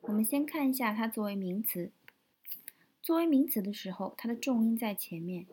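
A woman teaching English vocabulary from a news story, explaining words step by step, spelling them out slowly and repeating them. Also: on the high side, darkish tone, husky, rough recording.

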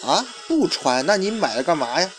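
A man's voice: fairly high pitch, big pitch swings, moderate pace, fairly bright tone, soft background music. A man voicing a proud, touchy mustached shoe-shop owner in a storytelling retelling, with flustered, indignant outbursts. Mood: grumbling.

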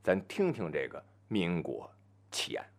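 A man telling a traditional folk story on his own, chatty and full of asides, slowing down to chant opening verse. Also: sits low, wildly swooping pitch. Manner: chants verse slowly and grandly.

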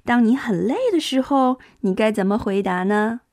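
A woman's voice: on the high side, background noise. A young woman teaching English to small children, coaxing them along and stretching out each sound to demonstrate it. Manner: coaxing, drawn-out demonstrative phonics. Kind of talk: children's language lesson.

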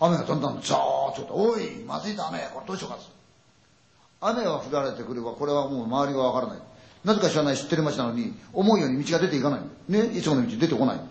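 A man's voice: medium pitch, expressive, racing, creaky, a little mellow. An older man performing a spoken ghost story, acting out frightened friends' dialogue with lots of sound words. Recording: echoey dull audio.

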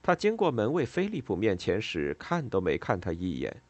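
A man narrating an audiobook novel in an expressive, steady storytelling manner. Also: lowish voice, moderate pace, dry recording.

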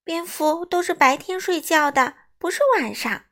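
A woman voicing a small, eager young male bat in a storybook reading, high and pleading. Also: lively intonation, normal speed, fairly bright tone. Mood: indignant.

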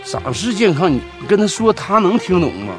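一名男演员饰演一位爱打趣的乡村老板，操东北口音，说话土气直白。. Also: male voice, sits high, big pitch swings, moderate pace, over music. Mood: teasing. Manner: folksy, teasing, plain-spoken. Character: folksy male rural business boss, blunt joker. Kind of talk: TV series acting.

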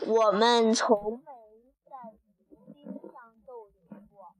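A woman reading a children's picture book aloud, haltingly, often stopping to restart and correct a word. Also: fairly high pitch, little pitch movement. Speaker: storybook reader.

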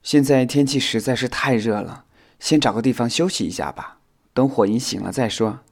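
A man voicing a sensible, caring young male insect in a children's audio storybook, chiding in a kind, steady way. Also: mid-range voice, moderate pace, creaky.

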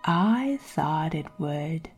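A woman voicing a sly grinning cat in a storybook reading, drawing her words out slowly with hushed, teasing whispers. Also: low voice, lively intonation, faint music behind, heavily acted.

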